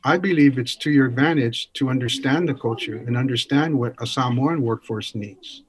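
A man answers as an interview guest in a medium-pitched voice. He explains his points in a measured, thoughtful way, now and then framing them as rhetorical questions. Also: crowd noise.

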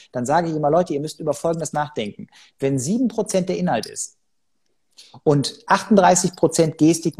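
A man's voice: a little high, warm tone, husky. A man speaking as a sales trainer in a podcast interview, talking emphatically and acting out quoted dialogue from his seminars.

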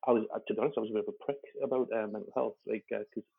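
Husky and gravelly, a male stand-up guest rambles through a candid story at a racing clip, his pitch staying flat. Fillers and restarts pile up as he cusses freely and laughs mid-sentence. It's captured on thin, lo-fi audio resembling a phone line.

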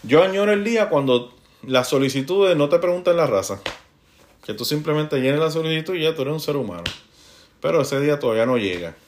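A man's voice: on the high side, animated, a little hiss or hum. Puerto Rican man, chatty teacher. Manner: frequent tag questions, halting restarts. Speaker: high school Spanish teacher. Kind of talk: casual conversational monologue.

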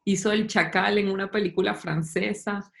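A woman's voice: medium pitch, steady tone, moderate pace, creaky, crowd noise. A woman, a guest who explains things at length in casual chat.

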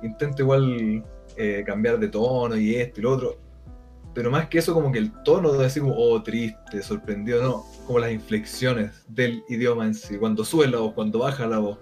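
A man's voice: medium pitch, fairly quick, a little mellow, faint music behind. A man with a Chilean accent co-hosting a casual chat, speaking bluntly and at length with lots of slang. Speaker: co-host.

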